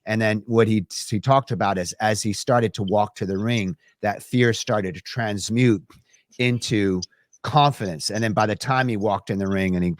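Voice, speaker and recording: A man hosting an interview, asking measured questions and murmuring agreement. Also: lowish voice, no room sound, clean studio sound. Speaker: interview host. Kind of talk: conversational interview.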